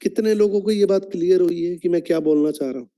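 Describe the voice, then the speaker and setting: A man leads an online training session, putting questions to his listeners as he explains. His voice sits a little high but sounds warm and mellow. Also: fast talker. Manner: instructive, asks the audience questions.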